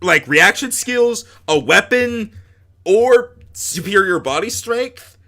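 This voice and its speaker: A man chatting casually and jokily as he plays a game, in an animated, rambling way. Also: high-pitched, slow pace. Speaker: gamer playing and reading aloud. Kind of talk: casual gaming chat.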